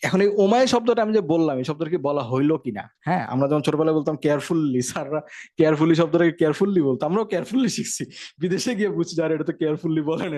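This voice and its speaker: A man's voice: fairly high pitch, a little mellow. A man teaching a casual tech lecture, talking in a conversational way and often checking in with his listeners. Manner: fast, conversational, frequent check-ins. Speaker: instructor.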